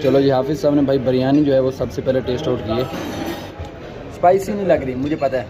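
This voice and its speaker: Quick and medium-pitched, a young Pakistani-accented vlogger gives a casual food review peppered with English words. The audio is dull, and the noisy chatter of a crowded, large indoor restaurant sits behind him.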